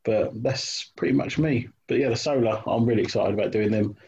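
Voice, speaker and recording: A man's voice: lowish voice, fairly quick, vocal fry, a little mellow, a little hiss or hum. A man in casual chat about his hobby, hesitant, with many ums and restarts, on dull lo-fi call audio. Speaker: hobby wargamer guest.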